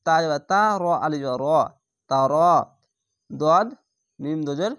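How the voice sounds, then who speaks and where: Male reading teacher, unhurried, drills letter by letter and blends them; slightly high voice. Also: a bit bright, dry recording, studio quality. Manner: spells each letter and vowel mark slowly, then blends syllables; patient instructive explanations between drills. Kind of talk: slow spelled-out recitation lesson.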